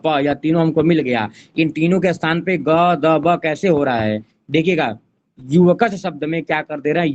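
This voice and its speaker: Guy teaching exam prep, explains step by step, asks himself questions, slightly high voice, muffled lo-fi sound. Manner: explains step by step, repeats points, asks and answers his own questions. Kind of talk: online exam-prep lecture. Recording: dull lo-fi recording.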